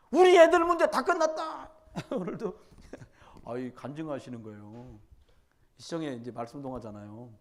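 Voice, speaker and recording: A high-voiced male pastor preaches a midweek sermon, swinging between loud exhortation and quiet storytelling. Conversational, he often puts questions directly to the congregation.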